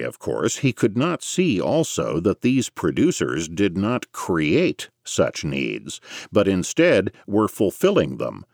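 A man's voice: low voice, vocal fry, no room sound, studio quality. A man narrating scripted nonfiction as an audiobook reader, in a formal, scholarly lecturing manner.

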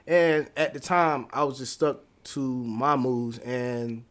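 A man in a casual interview, talking about dance in a relaxed, rambling way full of fillers and slang. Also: mid-range voice, slow pace. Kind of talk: casual conversation.

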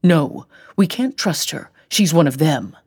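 Woman doing a paranoid old grandpa, suspicious and urgent, slightly husky, storybook reading. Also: sits low, expressive, unhurried, darkish tone, exaggerated voice. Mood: agitated, paranoid.

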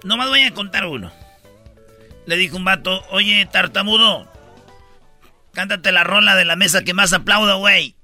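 Mexican comic host, high bright voice, playful joke-teller. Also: male voice, normal speed, pauses often, no room sound, faint music behind. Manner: playful, acts out stuttering punchlines. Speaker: radio comedy host. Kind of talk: joke-telling banter.

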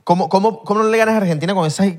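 A man's voice: sits high, very fast, a little mellow. A man co-hosting a podcast in casual chat, rambling and correcting himself as he goes. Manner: rambling, self-correcting, slangy. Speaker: podcast co-host.

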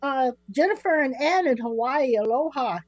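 A woman's voice: sits high, animated, normal speed, dry recording, lo-fi sound. An older woman co-hosting a radio show from home in casual, chatty, playful talk. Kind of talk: casual chat. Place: home studio.

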